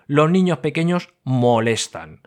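A man's voice: on the high side, measured pace. Exasperated man ranting. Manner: exasperated, animated, swings from loud outbursts to muttered asides. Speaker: podcast host. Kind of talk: casual ranting monologue.

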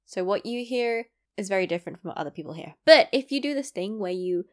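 A young East London woman with a London accent vlogs casually to the camera, her mid-range voice quick and lively in intonation. She rambles and pokes fun at herself, with plenty of asides.

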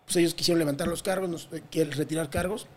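A man with a Mexican accent telling a touring story in a casual interview, animated and full of slang and swearing. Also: fairly high pitch, fast talker. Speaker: touring musician guest.

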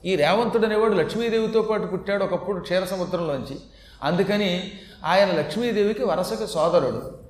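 High-ish male voice doing a chatty scripture talk w jokes, echoey hall. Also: slight background noise. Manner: chatty, with humorous asides. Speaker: religious storyteller. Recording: echoey hall with faint ambience.

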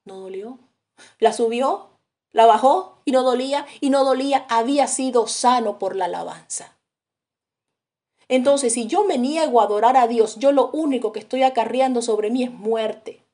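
A woman preaching a sermon dramatically, dropping to hushes and rising to loud cries, and acting out the people in her stories. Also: on the high side, moderate pace. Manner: acts out quoted voices in storytelling.

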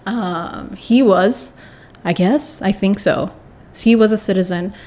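Young woman, casual storytime monologue, rambling, self-correcting, dramatic, frequent throat clearing. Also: mid-range voice, takes it slowly, darkish tone. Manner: rambling and self-correcting, often restarting sentences. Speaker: vlogger telling a personal story.

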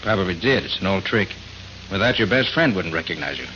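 Brisk, wry radio detective. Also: male voice, deep voice, expressive, bright, forceful tone. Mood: probing. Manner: clipped, dry questioning. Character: brisk, wry, skeptical male private detective. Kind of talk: mid-century American radio drama acting. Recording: muffled, noisy vintage radio recording.

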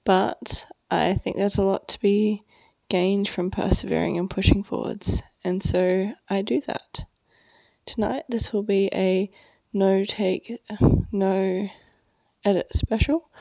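A sleepy young woman hosting a late-night podcast, speaking quietly and partly whispering right up against the microphone at a friend's house. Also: medium pitch, vocal fry, no room sound, rough recording. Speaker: podcast host. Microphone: close-up mic.

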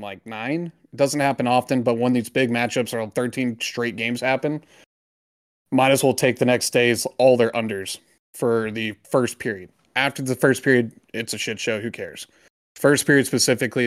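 A man's voice: mid-range voice, dry recording, clean studio sound. Casual, profane man talking betting picks. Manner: loose, profane, drops voice on asides. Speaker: podcast co-host. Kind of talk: casual sports betting talk.

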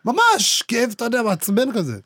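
A young man co-hosting a podcast, telling animated stories in casual slang. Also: very high-pitched, slightly rough, dry recording. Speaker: podcast co-host. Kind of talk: casual chat.

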